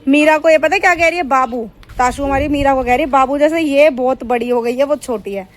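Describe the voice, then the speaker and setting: A woman's voice: high-pitched, a little fast, low-quality recording. A woman chatting casually in a family vlog, talking to viewers and coaxing the children around her. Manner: chatty, scolds and coaxes children. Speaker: vlogger. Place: family home, indoors and rooftop.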